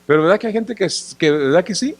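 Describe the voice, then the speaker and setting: A man's voice: high voice, lively intonation, fast. A tired male pastor preaches a sermon in a conversational way, often asking the congregation questions and acting out little scenes. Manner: acts out little scenes and gestures. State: tired after working in the sun.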